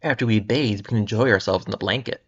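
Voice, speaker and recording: Man putting on a young british woman, teasing, breathy and coy, pulp-novel heroine, dull lo-fi sound. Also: fairly low pitch, quick pace. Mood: coy, inviting. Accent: British (put on). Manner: soft, teasing, then shrieking.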